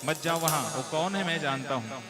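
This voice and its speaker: Krishna as a calm, firm god gently warning the cowherd boys, put on by a male preacher, pitched a touch high over devotional music. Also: moderate pace, natural voice.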